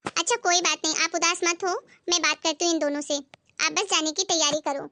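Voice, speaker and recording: Woman voicing a caring young sister-in-law, concerned and insistent, very high bright tone, cartoon story. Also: fairly even intonation, a little fast, dry recording.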